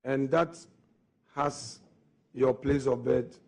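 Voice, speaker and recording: A man on a parliamentary committee questioning a ministerial nominee, slow and deliberate, pressing each point with formal questions. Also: mid-range voice, fairly even intonation, a little mellow.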